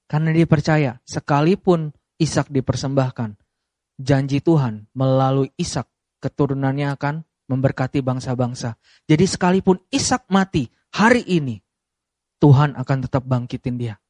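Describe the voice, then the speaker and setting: A man preaching a sermon to a congregation, telling stories with lively acted-out scenes. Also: no room sound. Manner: animated storytelling, acts out scenes with sudden high bursts.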